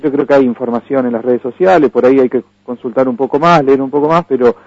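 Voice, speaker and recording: Argentine man, halting earnest radio guest. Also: medium pitch, darkish tone, no echo. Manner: hesitant, many restarts and fillers, earnest. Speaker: guest from an environmental campaign. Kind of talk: radio interview. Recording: dull lo-fi dry radio recording.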